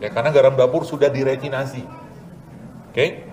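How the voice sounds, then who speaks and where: A man, a doctor, giving a casual health lecture with a live demonstration, animated and joking, asking rhetorical questions and answering them himself. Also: medium pitch, a little fast, a little hiss or hum, rough recording. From Indonesia. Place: event hall with audience.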